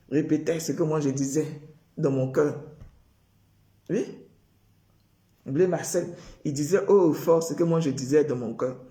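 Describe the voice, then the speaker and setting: A man's voice: a little high, warm tone. Emphatic man. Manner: repetitive, emphatic phrasing. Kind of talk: preaching-style reflection. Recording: echoey room.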